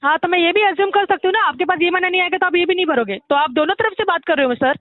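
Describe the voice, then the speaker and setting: A woman's voice: very high voice, fast talker. A woman working as a bank recovery agent, pressing a caller with insistent questions on a phone call. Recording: tinny phone line.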